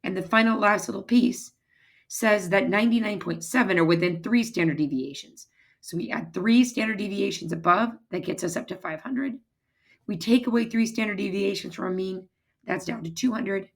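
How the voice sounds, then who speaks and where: Hoarse, husky woman teaching. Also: mid-range voice, normal speed. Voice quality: husky, raspy, strained voice. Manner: informal, step-by-step explaining. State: hoarse, losing her voice, throat-clearing. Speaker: math teacher. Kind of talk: recorded lecture, informal explaining.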